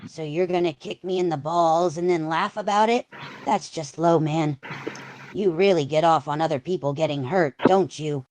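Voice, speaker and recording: A woman's voice: sits low, normal speed, a little mellow, close to an everyday voice. A synthetic female voice playing a young man who gets bullied, reading its own stage actions aloud as well as the lines. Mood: indignant. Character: young man getting bullied, whiny and indignant.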